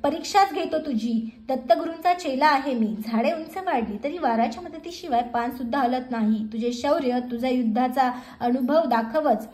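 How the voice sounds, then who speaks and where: A woman's voice: high voice, normal speed, few pauses, darkish tone, roomy sound, close to an everyday voice. A woman voicing a fearless male ascetic who answers firmly in a devotional story reading. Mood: defiant. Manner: firm, challenging. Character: bold male ascetic, young, fearless, defiant.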